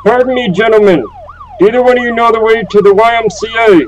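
A man's voice: extremely high pitch, steady tone, fast, lo-fi sound, slight background noise, pitched above the performer's own voice. A man voicing a cranky, stereotypical old man of about ninety who scolds youngsters during a game. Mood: polite. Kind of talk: in-game role-play.

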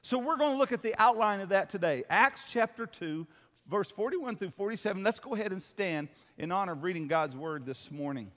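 His voice is high, fairly bright, fairly quick, and full of lively intonation as this older pastor preaches a folksy, emphatic sermon. Speaking from the stage of a church hall, he calls for amens, and long hall reverb fills the recording.

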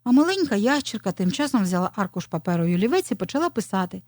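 A woman narrating a children's audio story in an expressive storytelling voice. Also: mid-range voice, quick pace, no echo, studio quality.

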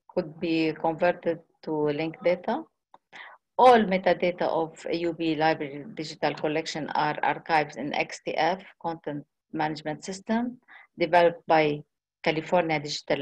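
A woman giving a conference presentation on a video call, speaking haltingly with frequent restarts and pauses. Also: sits low, a little mellow, poor audio.

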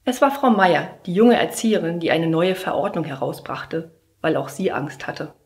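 A young woman trainee teacher performing a humorous slam poem, telling a classroom story in a lively way with sudden shouts. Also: lowish voice, normal speed. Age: young adult. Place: theater stage. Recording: roomy echoey stage sound.

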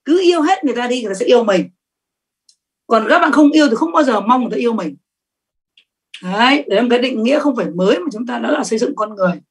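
A middle-aged woman giving a sales training talk, lively and emphatic, often asking the audience questions. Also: on the high side, fast talker, husky.

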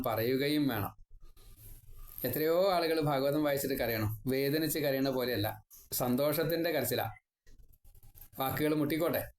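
An older man giving a religious discourse, chanting Sanskrit verses slowly and then explaining them quickly. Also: fairly high pitch. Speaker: Bhagavatam teacher. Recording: echoey room.

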